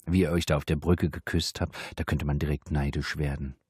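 A man voicing a pushy, unkempt big Dutch colleague in a low, dark, sly manner. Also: fairly even intonation, a little fast, husky, no echo, clean studio sound. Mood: leering. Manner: leering, sly.

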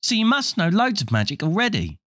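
A woman's voice: lowish voice, huge pitch swings, a little fast, fairly bright tone, no room sound, clean studio sound, voice pushed up, full character voice. A man reading a storybook aloud, voicing a polite, curious eleven-year-old boy in a slightly raised voice.

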